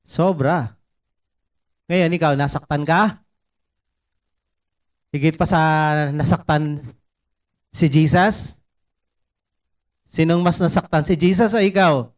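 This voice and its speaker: A man preaching a sermon in an animated way, mixing in English words and putting questions to the congregation. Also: a little high, slow, pauses often. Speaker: pastor. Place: church service.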